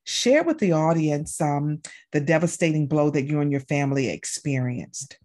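A woman's voice: low-pitched, lively intonation, normal speed, a little mellow. A woman hosting a talk show, interviewing a guest and affirming her often. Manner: encouraging, frequent affirming mm-hmms.

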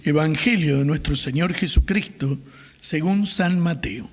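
Slow husky priest in a reverberant chapel. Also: male voice, a little high. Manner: calm, measured liturgical delivery. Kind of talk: reading the Gospel and preaching a homily. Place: small chapel, indoors. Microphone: gooseneck microphone on the lectern.

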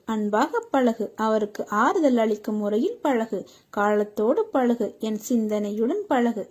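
A woman reading a scripted devotional message in a slow, soothing way, speaking as a deity who reassures a devotee. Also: fairly high pitch, dark tone.

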